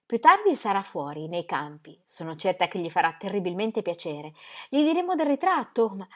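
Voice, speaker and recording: A woman's voice: medium pitch, very animated, moderate pace, lightly acted. A woman reading as an eager, gushing young wife.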